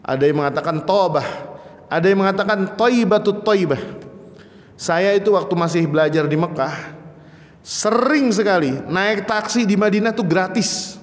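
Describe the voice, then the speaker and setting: A man giving a humorous religious study lecture as a preacher in a mosque hall, joking and acting out dialogues. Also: fairly high pitch. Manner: jokey, acts out dialogues in different voices. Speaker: Islamic preacher. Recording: long mosque hall reverb.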